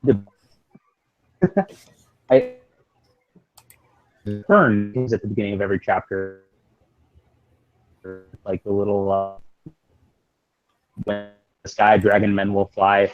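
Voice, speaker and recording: A man on a video call, author guest in a casual livestream chat, talking haltingly with restarts while his audio breaks up and drops out. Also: on the low side, soft background music. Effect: choppy, dropping call audio breaking up. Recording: dull, dry lo-fi call audio.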